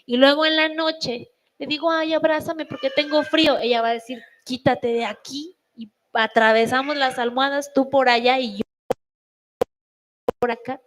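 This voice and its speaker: A woman's voice: sits high, normal speed, noisy background. A middle-aged woman with a Mexican Spanish accent preaching a sermon, telling stories with quoted voices. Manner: animated storytelling with quoted voices.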